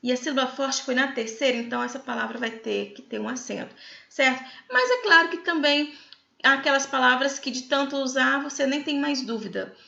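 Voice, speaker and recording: High, gravelly Brazilian woman teaching in an echoey room. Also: brisk, pushed and bright. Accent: Brazilian Portuguese. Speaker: writing teacher. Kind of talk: explanatory video lesson. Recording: echoey room, slightly dull sound.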